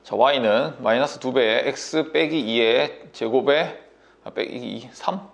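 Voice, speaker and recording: A man's voice: medium pitch, takes it slowly, vocal fry. A man tutoring math at a whiteboard, talking bossy and casual and checking understanding constantly with a sore throat.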